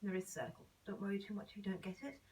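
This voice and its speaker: A woman leads a belly dance warm-up despite a cold, calmly cueing each move step by step and counting the beats. Her voice is nearly gone, hoarse and often slipping into a whisper, medium in pitch and fast. She sits a bit far from the mic.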